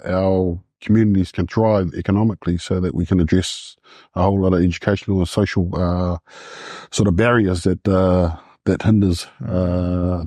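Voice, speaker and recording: A man in his forties, born in Samoa, telling his life story as a podcast guest, with many pauses and restarts. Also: low-pitched, mellow, no echo. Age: 40s. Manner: halting, many fillers and restarts. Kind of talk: podcast interview in a classroom.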